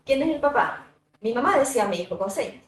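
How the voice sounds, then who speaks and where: A woman's voice: on the high side, expressive, fast, soft background music. A woman giving a university lecture, thoughtful and conversational, with many fillers and tag questions. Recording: echoey room, voice from a distance.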